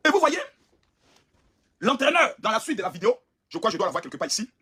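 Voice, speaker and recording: A man's voice: high voice, big pitch swings, fast, sharp tone, husky. A man giving an impassioned, indignant video rant as an online commentator, emphatic and pleading by turns.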